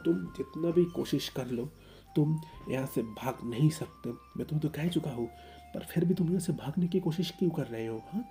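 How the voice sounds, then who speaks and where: Man doing a domineering husband, stern, low dark voice, faint music. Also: close to an everyday voice. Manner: stern, commanding. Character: possessive, domineering young husband.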